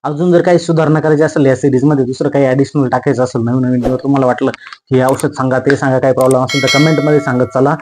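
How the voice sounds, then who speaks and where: A man's voice: medium pitch, flat delivery, fast talker, a little mellow, a little hiss or hum, low-quality recording. A young man, casually explaining crop pests to farmers in a folksy way, repeating points and mimicking the insects. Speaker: farming channel host.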